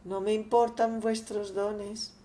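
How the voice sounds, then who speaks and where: A woman's voice: medium pitch, level tone, takes it slowly, dark tone, lightly acted. A woman voicing a stubborn young son who answers his father in curt, defiant replies.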